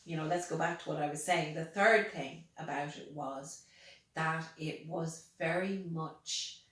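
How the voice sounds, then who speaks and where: Irish woman being interviewed, measured and slow, lowish voice, super echoey, far from the mic. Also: fairly bright tone. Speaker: interviewee, pagan priestess. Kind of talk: reflective interview talk. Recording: very echoey room, distant mic.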